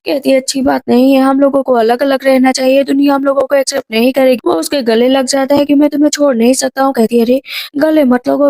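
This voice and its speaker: A woman narrating a drama plot recap, quickly voicing each character's lines as she goes. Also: high voice, dark tone, no echo.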